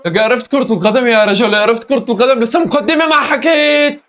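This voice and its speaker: A hoarse young man with a Levantine Arabic accent, hosting a live football match reaction and exclaiming at every chance. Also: extremely high pitch, fast talker, fairly bright tone. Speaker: football reaction video host.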